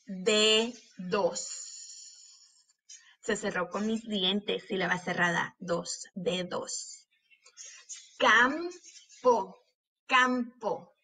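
A woman teacher gives a slow, careful reading lesson for children. She sounds out each syllable and spells words letter by letter. Her voice is bright and a little breathy. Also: medium pitch.

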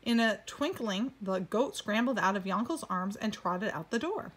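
A woman reading a children's picture book aloud as a storyteller, expressive and animated. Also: medium pitch, normal speed, slightly rough.

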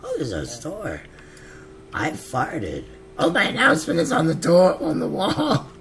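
A man's voice: on the high side, huge pitch swings, a little slow, vocal fry, a crowd in the background. A man commenting on a game role-play with crude jokes, often dropping to a mutter.

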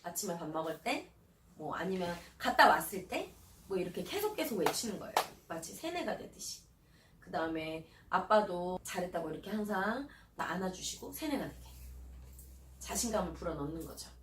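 A woman counselor giving parents advice, animated and acting out what she would say to a child. Her voice rises and falls a lot. The sound is roomy and picked up from a little way off the mic, with a faint hiss underneath. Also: on the low side, normal speed, recorded from a distance. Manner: animated, acts out questions to a child.

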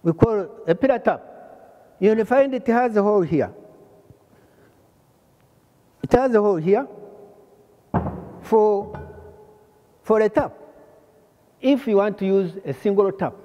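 An older man from Rwanda giving a hands-on plumbing lesson, pausing often and repeating phrases as he shows the parts. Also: high-pitched, animated, mellow, big-room sound, lo-fi sound. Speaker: plumbing instructor. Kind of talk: slow hands-on trade lesson. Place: large workshop hall.

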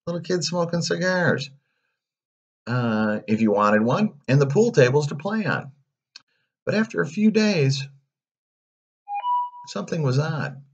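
A man reading a children's story aloud, animated, with playful asides. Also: mid-range voice, husky, highs cut off.

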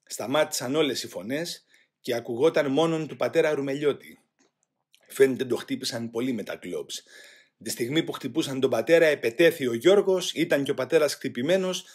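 A man reading a first-person memoir aloud in a grave, measured way. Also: medium pitch, slightly rough. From Greece. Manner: grave, measured, voicing shouted quotes louder. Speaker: audiobook reader.

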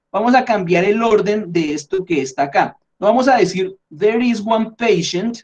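A man with a high voice and a darkish tone teaches English online in Spanish, recorded with dull audio. His explanation is patient and step by step, full of check-ins, and he reasons aloud and corrects himself as he edits on screen.

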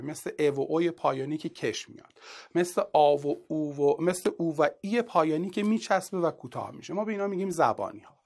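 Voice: medium pitch, vocal fry. A teacher giving an exam-prep literature lesson in casual, colloquial speech, walking through each step and asking rhetorical questions along the way.

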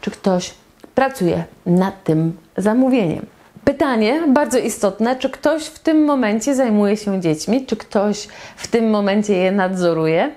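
A woman teaching English in a slow, patient lesson at a whiteboard, repeating each example phrase several times. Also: mid-range voice, mellow.

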